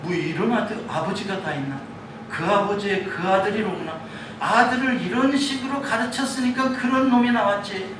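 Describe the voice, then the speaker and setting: Preacher doing a sneering pharisee guy, bright high voice, echoey hall far off. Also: moderate pace, background noise, natural voice. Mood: scornful. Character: indignant grumbling Pharisee man.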